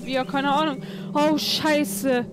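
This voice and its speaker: Ein Mann, der als Mitspieler locker über Voice-Chat redet und den anderen warnt und antreibt. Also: male voice, very high voice, flat delivery, slow pace. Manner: casual, warning and urging the other player. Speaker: co-player. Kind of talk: voice-chat gaming talk.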